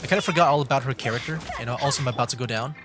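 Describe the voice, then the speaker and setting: A game streamer with a medium-pitched voice talks very fast, giving casual livestream commentary on his gameplay. He thinks aloud in an easygoing way while game music plays behind him.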